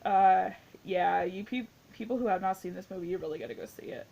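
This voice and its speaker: A woman's voice: fairly low pitch, fairly quick, gravelly, dark tone, muffled recording. A woman in her twenties giving a casual spoken movie review, rambling and gushing with many fillers. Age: 20s. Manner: rambling, gushing, heavy use of "like".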